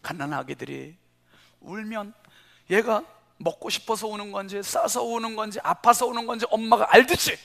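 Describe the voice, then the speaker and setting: Dramatic high-voiced male pastor. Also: level tone, moderate pace. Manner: dramatic, swings from whispers to shouting. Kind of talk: sermon. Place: church.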